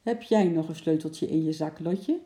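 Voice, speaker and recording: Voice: mid-range voice, moderate pace, warm tone, natural voice. A narrator voicing a fussy, flustered grandfather who grumbles, in a children's audiobook. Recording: roomy echo.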